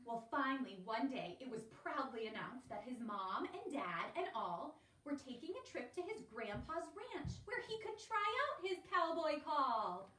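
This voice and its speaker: A woman's voice: sits high, very animated, measured pace, pushed and bright. A woman teaching an elementary music lesson over a home livestream, talking to young children in an encouraging, sing-song way. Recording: roomy, distant, faint background hiss.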